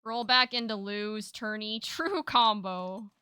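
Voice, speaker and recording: A woman's voice: mid-range voice, steady tone, slow pace, sharp tone, clean tone, dry recording. A woman streaming a fighting game, chatting casually and reading chat aloud with a laid-back, rambling manner full of fillers.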